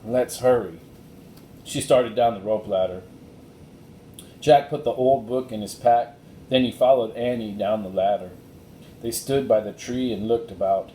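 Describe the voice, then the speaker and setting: A man reads a children's chapter book aloud, deliberate and expressive, delivering scripted storybook narration. The room has a roomy echo, with faint noise and rumble.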